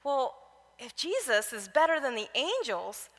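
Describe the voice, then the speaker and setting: Bright-voiced woman teaching in a reverberant hall. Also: high-pitched, sing-song, measured pace. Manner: conversational, with personal stories and direct exhortations. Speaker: Bible teacher. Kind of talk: conference Bible teaching talk. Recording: long reverb of a large hall.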